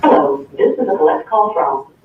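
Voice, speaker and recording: Automated payphone collect-call voice, flat recorded prompt; heard from far off in a very echoey room, muffled. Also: medium pitch, moderate pace, slight background noise. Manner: flat recorded announcement, reading fees and options. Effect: payphone collect-call recording played over courtroom speakers. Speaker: automated jail phone system prompt. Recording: distant, echoey, muffled phone-call playback in a courtroom.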